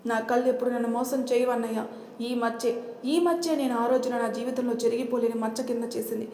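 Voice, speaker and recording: A woman voicing a young bride who has been deceived, speaking in loud accusing outbursts. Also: on the high side, fairly even intonation, brisk, lightly acted. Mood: furious. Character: young woman, betrayed bride, fierce and tearful. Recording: roomy echo.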